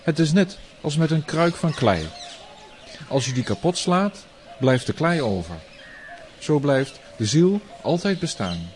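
A man voicing a cruel tyrant king who loudly preaches and begs forgiveness in a storybook tale. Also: mid-range voice, a little hiss or hum. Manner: loud, preachy pleading.

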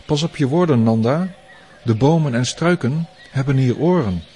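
A man voicing a solemn, wise old grey-haired priest in a storybook reading, speaking earnestly and in hushed tones. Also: medium pitch, moderate pace, a little hiss or hum, voice pushed up, close to an everyday voice. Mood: warning.

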